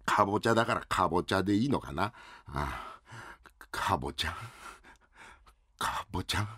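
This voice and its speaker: A man voicing a slow, simple-minded easygoing young man who drawls his words, in rakugo storytelling. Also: sits low, expressive, bright, forceful tone, slightly rough, no room sound, studio quality, exaggerated voice. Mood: chatty. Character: dim-witted easygoing young man, twenty.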